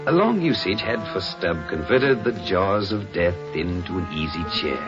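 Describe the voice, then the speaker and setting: A man's voice: deep voice, lively intonation, moderate pace. An actor playing an earnest young sailor who narrates his whaling voyage in literary, dramatised audio drama style. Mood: earnest, storytelling. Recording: dull lo-fi radio drama, loud music.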